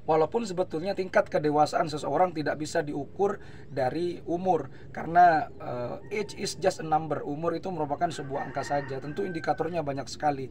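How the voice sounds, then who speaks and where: A slightly hoarse man hosting an explanatory commentary, talking in a measured way with frequent hesitation fillers. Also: on the high side, darkish tone, slight background noise. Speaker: host.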